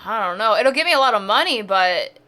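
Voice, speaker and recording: A woman's voice: medium pitch, animated, fairly quick, sharp tone. A woman streamer chatting casually over gameplay, thinking aloud and asking herself questions.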